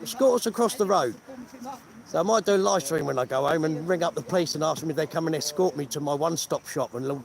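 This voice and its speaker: Brief: male vlogger, cold and shaky, gravelly and a touch high, sarcastic, crowd chatter behind. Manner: blunt, sarcastic and sweary. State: cold and shivering. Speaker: vlogger filming a remembrance gathering. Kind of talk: casual live commentary to camera. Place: outdoors at a gathering. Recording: outdoor crowd noise behind.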